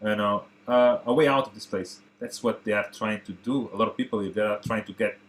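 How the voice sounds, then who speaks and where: A man from Portugal in his thirties, a native Portuguese speaker, chatting excitedly to viewers as he reacts to an old film. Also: on the low side, fairly quick, slight background noise. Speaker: movie reaction host. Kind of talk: casual reaction commentary.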